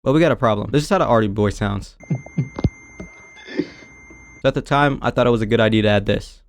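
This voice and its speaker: A man's voice: fairly low pitch, a little fast, a little hiss or hum. A man narrating his game development devlog in a casual, slangy way, laughing at his own setbacks. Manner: casual, slangy, says "bro".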